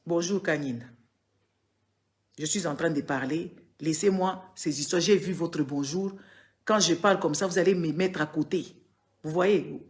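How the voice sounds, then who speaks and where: Speaking at a measured pace in a deep voice, this Congolese woman delivers political commentary over a live stream. She lectures her audience emphatically, scolds them, and repeats words to drive her points home. She is from the Democratic Republic of the Congo.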